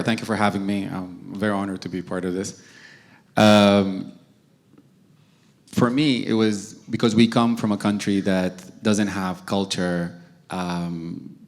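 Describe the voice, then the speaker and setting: A young man from Sudan, a cartoonist speaking as a guest on a forum panel, hesitant with many restarts. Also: lowish voice. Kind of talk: panel discussion answer.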